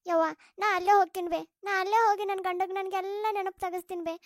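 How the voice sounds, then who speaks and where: Cartoon: woman voicing a distraught young wife, North Karnataka accent, shrill, lamenting. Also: steady tone, quick pace, no room sound. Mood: desperate. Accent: North Karnataka Kannada. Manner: wailing, lamenting. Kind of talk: cartoon voice acting.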